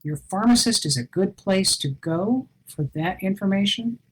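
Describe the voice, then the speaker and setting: A woman's voice: mid-range voice, animated, normal speed, slightly rough, low-quality recording. An older woman giving an online conference talk, earnest and advising, with self-deprecating asides, heard over a video call. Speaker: conference presenter.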